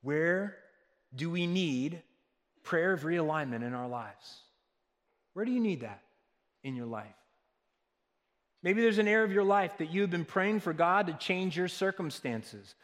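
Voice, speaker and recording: A male pastor preaching a sermon, earnest, moving between loud emphatic lines and soft, hushed ones. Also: high-pitched, lively intonation, unhurried, long pauses, in a large hall. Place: church.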